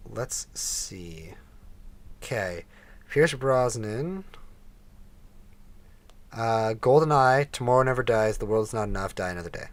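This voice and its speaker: A male podcast co-host in a relaxed, joking chat, recorded in a home basement. His voice sits fairly low, and he keeps laughing and breaking off to restart his sentences. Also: measured pace, long pauses, no room sound. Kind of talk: casual chat.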